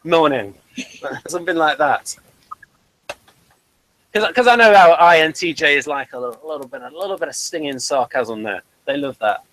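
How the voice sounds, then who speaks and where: Guy hosting a casual review chat, rambly and explain-y, dry jokey asides, voice a bit high, dry close sound. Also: lively intonation, moderate pace, pauses often, bright, forceful tone, no echo, low-quality recording. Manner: chatty and digressive, explaining at length; dry humour, chuckles between points. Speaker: host reviewing a TV series.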